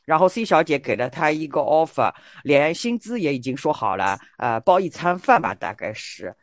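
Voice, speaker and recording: A woman's voice: deep voice, very animated, normal speed, dry recording. A woman hosts a casual group talk show, explaining things in a conversational way. The recording is dry, with very little room around the voice. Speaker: podcast host.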